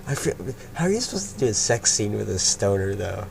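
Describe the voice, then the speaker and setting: Narrating an amateur fanfiction reading, a young man keeps stumbling, swearing and laughing at his own mistakes, chatting casually between passages. His lowish voice swings widely in pitch, his pace is brisk, and background noise is clearly audible.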